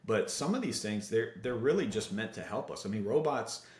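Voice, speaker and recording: A man's voice: on the low side, a little hiss or hum. A man talking as a podcast guest, telling stories and giving motivational advice with energy. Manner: energetic storyteller, motivational, fast asides. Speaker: podcast guest, digital marketing agency owner. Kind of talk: casual interview chat. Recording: roomy echo.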